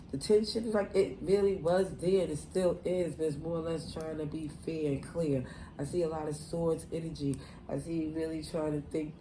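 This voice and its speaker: A woman with a cold gives a casual tarot reading to camera, her voice stuffy and nasal as she rambles loosely, filling it with "you know" and "like." Her voice sits low with a warm tone, and the rough recording carries some hiss or hum.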